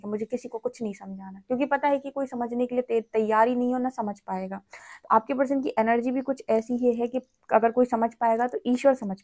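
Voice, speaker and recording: Gentle higher-voiced woman tarot reader. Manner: gentle, explanatory, repeats "theek hai". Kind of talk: spiritual reading to camera.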